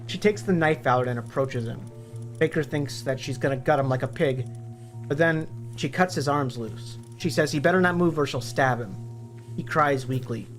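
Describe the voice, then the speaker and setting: A hoarse man reading a story aloud in a plain, steady narrating voice. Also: medium pitch, moderate pace, faint music behind. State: hoarse from illness.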